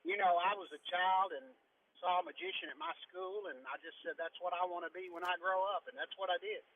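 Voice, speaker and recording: A man's voice: sits high, fairly quick. A chatty magician and comedian on a call from his car, his voice muffled as if talking through a tube. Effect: muffled phone line, as if talking through a tube. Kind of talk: casual phone interview. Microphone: cell phone. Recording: tinny phone line with faint noise.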